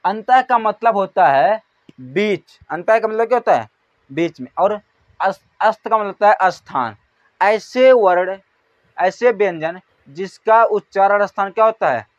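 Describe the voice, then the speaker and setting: Slow, high-voiced man drilling a grammar lesson. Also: animated, no echo, dull audio. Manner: slow and drilling, asks questions and answers them himself; calls out syllables one by one, trailing off softly at phrase ends. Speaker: teacher. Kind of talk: exam-prep Hindi grammar lesson.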